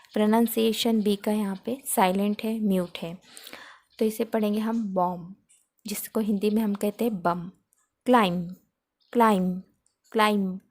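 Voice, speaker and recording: Slow woman drilling words. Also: medium pitch, a little mellow. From Maharashtra, India. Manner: slow, repeats each word several times to drill pronunciation. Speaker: English teacher. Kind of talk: spoken English lesson.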